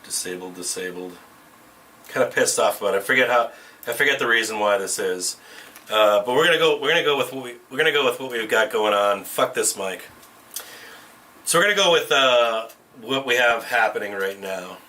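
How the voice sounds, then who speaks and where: Brisk and lively, this man's medium-pitched, sharp voice reaches a tinny camera mic from a distance, giving him a tin-can sound. He runs a casual trading livestream, talking bluntly, swearing freely and often restarting what he says.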